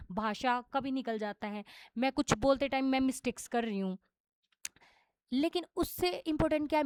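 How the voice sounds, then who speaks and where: A woman's voice: a little high, smooth, dry recording. Young woman teaching in a chatty way. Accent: Haryanvi Hindi. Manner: explains casually in Hindi mixed with English terms, with many fillers. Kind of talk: teaching exam-prep lesson.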